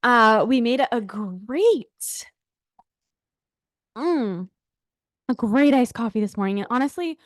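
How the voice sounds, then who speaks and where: A woman's voice: on the high side, lively intonation, takes it slowly, pauses often, no echo, clean studio sound. A young adult woman hosting a solo podcast, talking in a chatty, candid way and swearing casually, a little out of breath. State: a bit out of breath. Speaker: podcast host.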